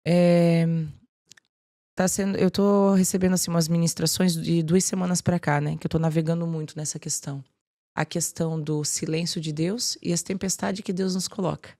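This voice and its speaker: A woman guest on a podcast, talking in a lively, casual way about faith and her work, often filling her speech with "tipo assim". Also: lowish voice, normal speed.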